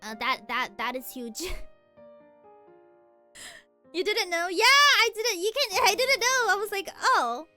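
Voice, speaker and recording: Faint music plays behind a young VTuber who reacts to chat bubbly and effusive, giggling and repeating words often. Her extremely high voice is very animated, pushed and bright, unhurried and full of pauses.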